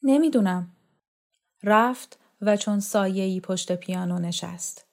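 A woman reading a novel aloud in calm, measured narration. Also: mid-range voice, gravelly. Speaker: narrator, audiobook reader.

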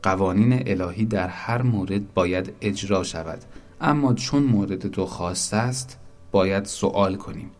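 A man doing a gentle chief angel. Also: low voice, natural voice. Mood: kind, firm. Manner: kind, measured. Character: kind, gentle chief angel, calm and orderly.

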